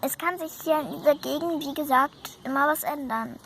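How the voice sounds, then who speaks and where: A woman's voice: high-pitched, normal speed, fairly bright tone, a little hiss or hum, voice pushed up. Woman voicing a patient coaxing horse. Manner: coaxing, reassuring.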